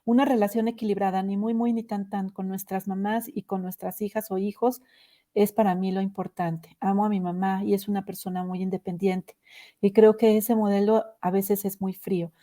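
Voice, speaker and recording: Mellow-voiced woman hosting a livestream. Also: mid-range voice, flat delivery, moderate pace. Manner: gentle, many "este" fillers. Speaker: live stream host reading viewer comments. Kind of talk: reflective live stream talk.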